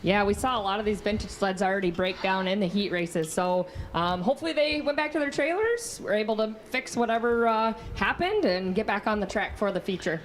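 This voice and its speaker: A woman's voice: medium pitch, brisk, few pauses. A woman co-commentating live on a race in a conversational sports broadcast style. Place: broadcast booth at a racetrack. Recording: background noise at outdoor race.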